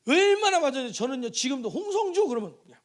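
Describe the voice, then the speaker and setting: A male pastor preaching in a church with a strikingly high voice. His pitch swings widely as he tells stories, acts out quoted voices and puts questions to his listeners. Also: moderate pace. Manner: animated preaching, acts out voices, calls to congregation. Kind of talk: sermon. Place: church sanctuary.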